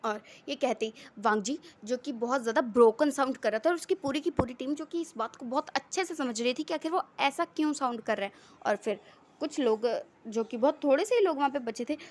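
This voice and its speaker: A woman's voice: high voice, fairly quick. A woman telling a fan-fiction story in a chatty, run-on way with many fillers.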